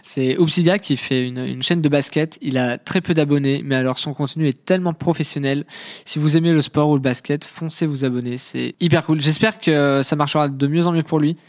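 Enthusiastic, slightly high-voiced male guest. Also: fairly even intonation, brisk. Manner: enthusiastic, repeats himself. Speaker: guest, web series creator. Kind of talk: casual chat.

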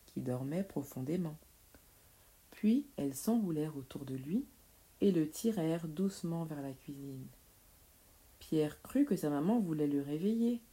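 Slow, dark-voiced woman storyteller. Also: sits low. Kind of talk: reading a picture book aloud to children.

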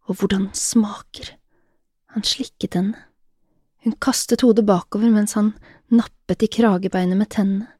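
A woman narrating an erotic audio story in a soft, often whispered voice, recorded on a close mic. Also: medium pitch, breathy edge, dry recording.

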